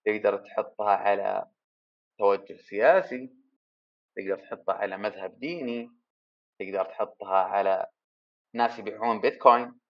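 A man muses aloud through a solo podcast, wandering from one question to the next and poking fun at himself. His voice sits a little low. The home recording sounds muffled and lo-fi. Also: moderate pace, long pauses. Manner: rambling, self-deprecating, thinking aloud. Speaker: podcast host. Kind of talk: casual solo podcast monologue.

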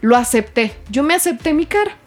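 A woman's voice: high voice, big pitch swings, fairly quick, soft background music. A woman with a Mexican accent hosting a casual podcast chat, telling frank, self-mocking stories.

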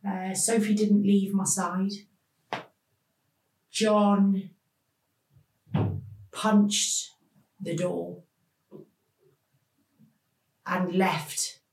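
Slow, halting woman in a roomy space. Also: medium pitch, flat delivery, creaky, a little mellow, far from the mic. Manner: slow, halting, emotional retelling with many pauses. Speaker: podcast guest telling her life story. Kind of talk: personal storytelling in an interview. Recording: roomy sound, voice off the mic.

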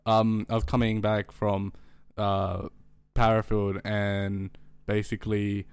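A man's voice: on the low side, little pitch movement, slow pace, smooth. A man in his late teens with a lisp, hosting a casual podcast chat, rambling and swearing freely with plenty of ums. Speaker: podcast host.

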